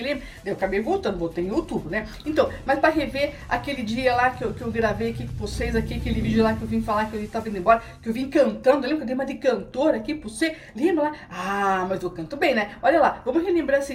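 A woman vlogger telling a comic story, rambling and repetitive, stacking little filler tags between every phrase. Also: a little high. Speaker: comedic vlogger.

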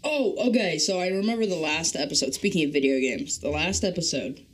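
A young woman tells stories on a casual podcast. Her delivery is animated and joking, with pitch that jumps around a lot as she chats with friends. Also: brisk. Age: young adult. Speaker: podcast co-host. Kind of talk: casual chat and storytelling among friends.

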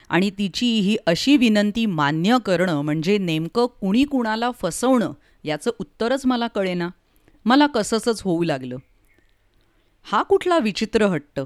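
A woman narrating a story in a measured, emotive reading. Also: medium pitch, no echo, clean studio sound.

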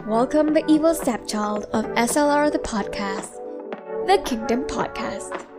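High-voiced woman announcing over music. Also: a little slow. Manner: hyped, teasing. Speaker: show announcer. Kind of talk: scripted show intro. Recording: music playing behind.

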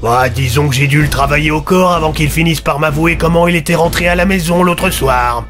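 A man's voice: fairly high pitch, a little fast, a bit bright, close to an everyday voice. A man playing an aggressive, violent father who hurls crude insults and threats, with faint music behind. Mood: hostile. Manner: insulting, menacing, crude slang.

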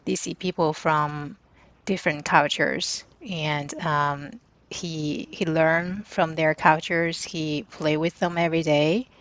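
A woman with a very low voice speaks haltingly, filling pauses with "uh" and "um" and bending the grammar like a non-native speaker. The sound is dry and dull, like a lo-fi call. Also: level tone, dry recording. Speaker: panel guest, parent. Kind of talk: casual discussion.

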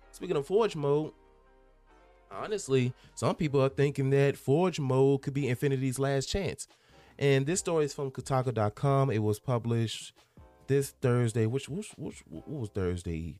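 A man's voice: mid-range voice, mellow. A man hosting a casual gaming podcast who reads out a news article and keeps breaking off to ramble and stumble over his words. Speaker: podcast host.

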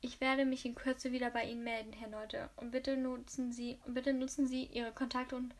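A woman reads an elderly, well-to-do widow with a high, fairly flat voice. She is formal and clipped, with a pressing urgency under her politeness. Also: moderate pace, natural voice. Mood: composed.

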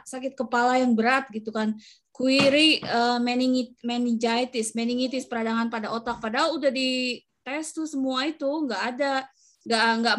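A woman's voice: sits high, fairly bright tone. A woman who works as a nurse, chatting casually on a podcast and telling rambling stories full of fillers. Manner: anecdotal, rambling storytelling with many fillers.

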